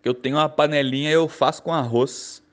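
Man voicing a street boy, twelve, higher voice, shrugging and unbothered. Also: fairly even intonation, fast, natural voice. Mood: matter-of-fact.

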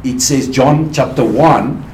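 A man's voice: mid-range voice, darkish tone. A middle-aged man from South Africa, a missionary guest explaining scripture earnestly in a podcast interview. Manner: earnest, quotes scripture, quick bursts. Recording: roomy, distant mic with faint noise.

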